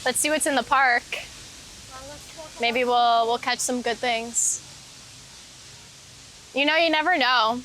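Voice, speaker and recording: Out walking in a city park, a woman interviewed as a street photographer and painter reflects casually, meandering and saying "like" often. Her fairly high voice is pushed and bright, and she speaks slowly with frequent pauses. The low-quality recording has slight background noise.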